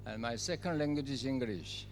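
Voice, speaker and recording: At a forum, a Korean man in his seventies speaks English with his native accent as a guest speaker, in a mid-range voice at a moderate pace. Short, emphatic phrases and repeated key words mark his delivery, while a long reverb tail and a little hiss or hum color the recording.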